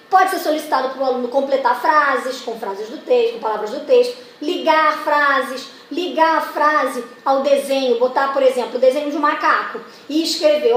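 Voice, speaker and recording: A woman's voice: high voice, a bit bright. A woman training teachers, explaining step by step with many examples and acting out classroom questions. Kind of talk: explanatory lesson. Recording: echoey room with faint noise.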